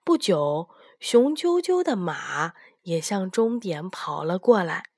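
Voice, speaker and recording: A woman narrating a children's story in a gentle, expressive reading voice. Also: fairly low pitch, slow pace, no room sound, studio quality.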